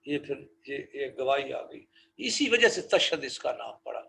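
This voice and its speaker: A man giving a religious lesson on correct prayer pronunciation, slowly drawing out recited phrases and correcting common mistakes. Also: mid-range voice, big pitch swings, creaky, fairly bright tone, slight background noise, poor audio. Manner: slow drawn-out recitation of Arabic phrases between explanations; corrective, instructive tone. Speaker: religious teacher.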